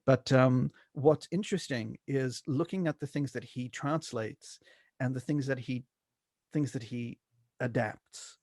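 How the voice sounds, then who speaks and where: A middle-aged South African man, his accent a mix that leans mostly Australian, is interviewed as a guest scholar. He sounds hesitant, with many fillers and restarts. His mid-range voice has a darkish tone and a measured pace, recorded in a clean studio with no echo.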